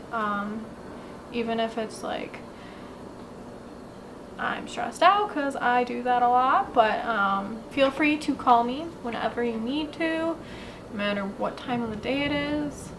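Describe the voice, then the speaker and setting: Young woman, higher voice, sorority big sister, informal halting advice, noisy recording. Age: young adult. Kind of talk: casual message with advice. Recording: clear background noise.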